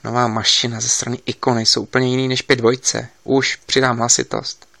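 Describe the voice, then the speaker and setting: A man's voice: medium pitch, level tone, vocal fry, pushed and bright, no room sound. A man doing a polite, flustered assistant. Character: young male camera assistant, polite, flustered.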